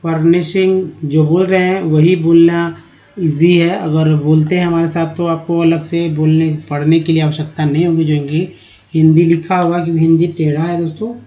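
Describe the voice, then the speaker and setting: A man, teaching in a slow lesson and reading word lists aloud syllable by syllable. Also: fairly high pitch, flat delivery, mellow, lo-fi sound. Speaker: English teacher.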